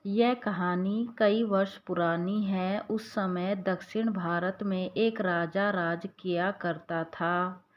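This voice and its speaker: A woman narrating a moral story in a measured, scripted reading, in a slightly muffled recording. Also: mid-range voice, steady tone.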